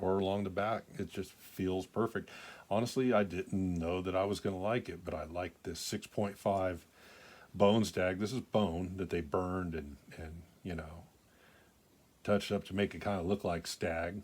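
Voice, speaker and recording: An older man giving a casual show-and-tell of his collection, talking in a plain-spoken, folksy, rambling way. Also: low voice. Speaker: knife collector presenting his pocketknives.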